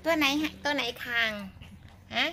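A woman's voice: a little slow, bright, forceful tone, a little hiss or hum. A Thai woman who talks in a chatty way in her home vlog and coos in baby talk to her dogs. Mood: excited. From Thailand. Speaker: vlogger. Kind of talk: casual vlog narration.

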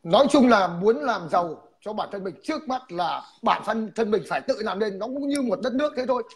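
A man hosting a casual online chat, explaining his views in a measured, moralizing way. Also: high voice, expressive, breathy edge. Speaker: livestream host.

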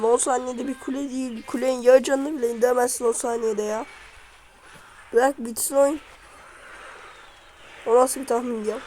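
A woman giving live commentary over her own gameplay, excitably cheering and scolding the units on screen. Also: fairly high pitch, a little hiss or hum, rough recording. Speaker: gamer.

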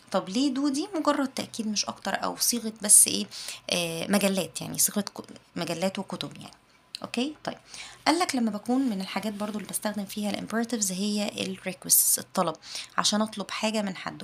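Creaky-voiced Egyptian woman teaching grammar. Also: medium pitch, slight background noise. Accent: Egyptian Arabic. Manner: patient, repeats English examples slowly. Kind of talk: explaining a grammar lesson.

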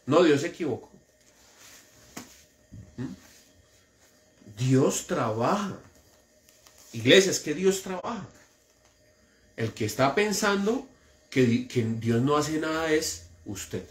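A man preaching a sermon with a Colombian accent, animated and mocking as he mimics would-be prophets. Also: a little high, slow pace, long pauses. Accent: Colombian Spanish. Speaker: pastor. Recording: echoey church room.

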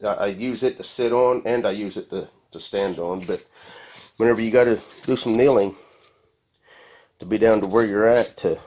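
A man's voice: fairly low pitch, moderate pace, darkish tone. A man casually reviewing a tool in his garage, talking in a rambling, folksy way with plenty of fillers, recorded on a handheld phone. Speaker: home mechanic reviewing a tool. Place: garage with concrete floor.

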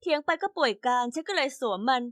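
High-voiced woman narrating an animated story. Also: fast, no room sound, clean studio sound. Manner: chatty first-person storytelling, voices other characters.

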